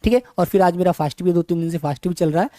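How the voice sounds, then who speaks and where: Calm man teaching with a sore throat. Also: high-pitched, dry recording, clean studio sound. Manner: calm, unhurried, affectionate to students. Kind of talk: online exam-prep class.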